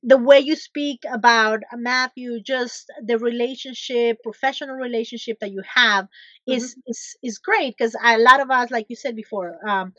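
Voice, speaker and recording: Woman interviewer, highish voice, dull dry audio, lots of um and right. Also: normal speed, a bit bright, no room sound. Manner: affirming, full of fillers. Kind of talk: casual interview chat.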